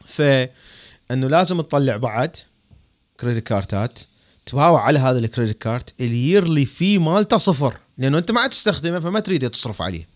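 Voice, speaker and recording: A young man with an Iraqi Arabic accent hosts a casual podcast offering money advice, joking animatedly and breaking into emphatic bursts. He talks fast in a mid-range voice.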